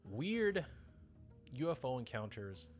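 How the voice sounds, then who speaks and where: Lively casual man telling odd stories. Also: medium pitch, slow, soft background music. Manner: lively, joking, self-interrupting. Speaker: podcast host. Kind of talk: casual storytelling podcast.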